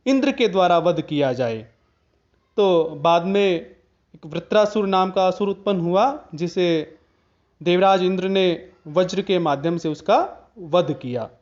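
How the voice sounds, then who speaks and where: A man lectures on Hindi grammar in a high voice, taking each point slowly and carefully. He stops now and then to chant a Sanskrit phrase in an old recitation style. The sound is somewhat dull and lo-fi. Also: a little mellow. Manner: slow, deliberate explanation with chanted Sanskrit examples. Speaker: Hindi teacher.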